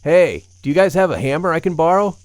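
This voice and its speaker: A man's voice: mid-range voice, fairly quick, a little mellow, dry recording, lightly acted. A man voicing a stranded truck driver who calls out urgently in a raised voice.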